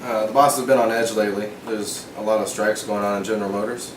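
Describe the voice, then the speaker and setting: A woman plays a steady, cautioning working-man father in a scripted wartime drama. The lines come quickly, heard from a distance in a very echoey, noisy room. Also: very deep voice. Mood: sober. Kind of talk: amateur scripted period drama.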